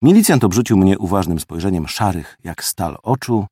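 Lively, low-voiced male audiobook narrator. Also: normal speed, husky, no room sound, studio quality. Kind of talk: first-person audiobook narration.

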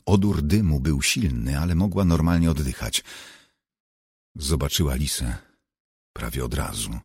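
A man narrating a novel in an audiobook in a measured storytelling manner. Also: very deep voice, a little mellow, breathy edge, dry recording, clean studio sound. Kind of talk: scripted narration.

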